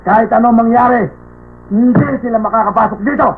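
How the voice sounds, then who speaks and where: A man's voice: on the high side, a little fast, a little hiss or hum. A man dubbing a grumpy middle-aged male grocer who scorns nobles, talking in a blustering, scornful way in a cartoon. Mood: indignant. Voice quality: blustering, scornful, clears throat. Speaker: shopkeeper. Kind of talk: Tagalog cartoon dub. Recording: tinny lo-fi dub with faint music.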